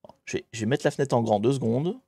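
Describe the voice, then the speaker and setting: A man's voice: mid-range voice, fast talker, dark tone, husky, no echo, studio quality. Chatty man streaming a map puzzle. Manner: chatty, talks to chat while searching maps, mildly exasperated. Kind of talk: live-streamed geography puzzle commentary.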